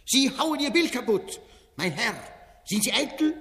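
Casting: stage-comedy town crier and barker, high swooping voice, boastful and coaxing. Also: male voice, expressive, unhurried, a bit bright, full character voice. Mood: coaxing, rousing. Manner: town-crier hawking with insistent repeated calls. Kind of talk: dramatic reading of a stage comedy. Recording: long reverberant hall.

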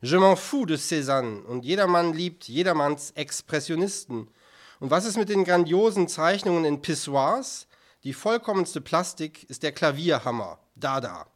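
A man's voice: a little high, animated, moderate pace, natural voice. A man voicing a defiant, mocking young artist. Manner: combative, mocking. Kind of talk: audiobook character voice.

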